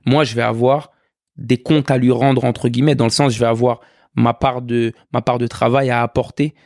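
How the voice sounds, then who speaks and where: A man in his twenties, a podcast guest from France, talking relaxed and reflective in casual conversation, often checking in with "you see". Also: mid-range voice, moderate pace, no echo, studio quality. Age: 20s. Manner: relaxed, many restarts and "tu vois".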